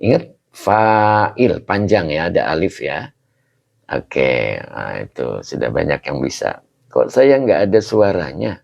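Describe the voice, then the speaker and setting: A man's voice: rumbling low, sing-song, a little slow, vocal fry, a little mellow. A man teaching a religious text class over a video call, greeting students by name and explaining patiently. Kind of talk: online kitab class. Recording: dull lo-fi call audio.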